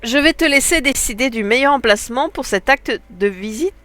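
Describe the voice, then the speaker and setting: A woman's voice: sits high, animated, moderate pace, fairly bright tone, no room sound, pitched above the performer's own voice. A woman with a stuffy nose voicing an upbeat, encouraging female game villager, reading the lines aloud.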